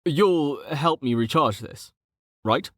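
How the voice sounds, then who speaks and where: Audiobook: male narrator plays a shrewd merchant, courteous and brisk, dry. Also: fairly high pitch, animated, no room sound, voice pushed up. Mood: businesslike.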